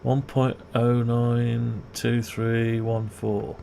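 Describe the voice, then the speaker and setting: Over steady background noise and keyboard clatter, a man demonstrates CAD design for a video, muttering and questioning himself as he thinks aloud unscripted. He has a gravelly, medium-pitched voice and speaks extremely slowly.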